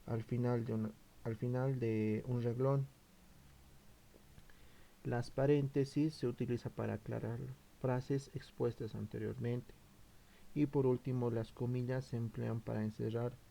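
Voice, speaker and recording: A man presents a school topic in a gravelly, mellow voice. He reads through his points haltingly, with filler sounds and frequent restarts. His delivery sounds like a student's prepared presentation. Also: mid-range voice. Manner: hesitant, frequent fillers and self-corrections. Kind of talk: read-aloud school presentation.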